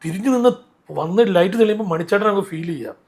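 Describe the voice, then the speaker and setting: A man telling stories in an interview, animated and rambling, often restarting his sentences. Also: high-pitched, racing, slightly rough. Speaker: interview guest, mimicry artist. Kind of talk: casual interview storytelling.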